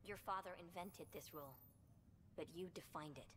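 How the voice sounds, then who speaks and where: A measured, earnest space leader in a science-fiction video game. She speaks with calm resolve, and her voice has a bright tone. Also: lowish voice, husky.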